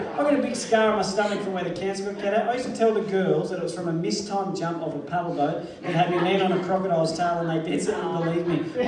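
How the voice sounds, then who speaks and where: Australian man, motivational speaker, earnest storyteller with jokes, higher voice, distant mic in an echoey hall. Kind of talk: motivational speech.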